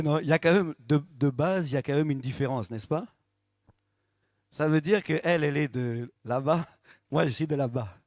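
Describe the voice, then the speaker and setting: A male pastor giving a testimony at a church service, speaking lively into a handheld mic, joking and often turning to the congregation with "n'est-ce pas?". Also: mid-range voice, dry recording, clean studio sound. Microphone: handheld microphone.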